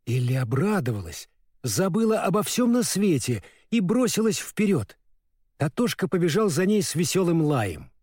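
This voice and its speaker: A man's voice: fairly high pitch, normal speed, breathy edge, no room sound, studio quality. Man reading a storybook animatedly. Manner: expressive, animated. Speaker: narrator.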